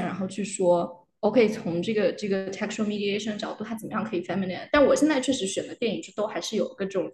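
A young adult woman, a doctoral candidate guest, chatting casually about her research and moving between Chinese and English mid-sentence with many fillers. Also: mid-range voice. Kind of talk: casual academic chat. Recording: roomy with faint noise.

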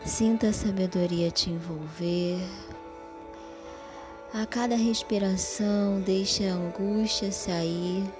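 Slow, soothing woman leading meditation. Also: medium pitch, steady tone. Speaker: guided meditation leader. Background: soft music.

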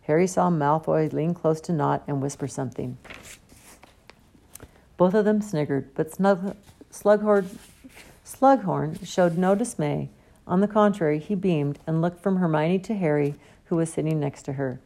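Low gravelly woman narrating. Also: a little slow. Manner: steady storybook reading. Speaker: audiobook reader. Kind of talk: scripted narration.

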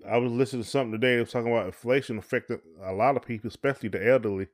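Speaking very fast at medium pitch, the man co-hosts a podcast, chatting casually with homespun, colloquial turns of phrase.

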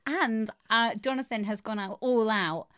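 Lady cohosting a podcast, kinda high voice, giggly and excitable. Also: unhurried. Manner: bubbly, laughs often, trails off and restarts. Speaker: podcast co-host. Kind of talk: casual chat.

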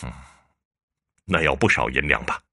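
A shrewd, unhurried prefect judge, as a male storyteller puts him on questions a colleague with dry, stern mockery. The voice sits very deep with a gravelly edge, yet it keeps a bright, forceful ring. It is a judge who lets his calm do the threatening. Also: heavily acted. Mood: probing. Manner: dry, measured, sternly mocking.

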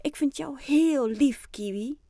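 A woman's voice: high-pitched, slow pace, no room sound, clean studio sound, voice pushed up. Oskar, a woman doing a shy little penguin boy. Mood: tender. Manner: soft, bashful and earnest. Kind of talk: children's audiobook voice acting.

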